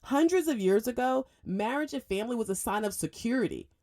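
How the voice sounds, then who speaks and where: A woman hosting a radio talk show, delivering an emphatic, opinionated monologue in a studio, speeding up in bursts and jumping up in pitch for emphasis. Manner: emphatic, lively, fast bursts and sudden pitch jumps.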